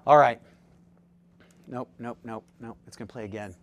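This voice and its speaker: A man giving a live seminar talk as presenter, jokey and lively, quizzing his audience with questions. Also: mid-range voice, moderate pace. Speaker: presenter at a dental practice seminar.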